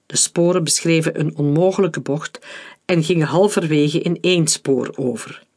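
A man narrating an adventure novel as an audiobook in a calm, steady reading. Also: a little high. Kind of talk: scripted narration.

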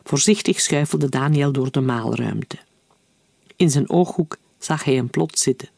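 A man reading a novel aloud in steady, even-paced audiobook narration. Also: medium pitch, unhurried, creaky, no room sound. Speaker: reader.

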